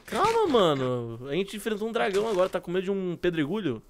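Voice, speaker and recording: A man hosting a Minecraft let's play, joking with a friend and yelling in panic. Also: high-pitched, wildly swooping pitch, fast talker, slight background noise. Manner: jokey, shouts in panic, teasing. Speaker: gaming channel host.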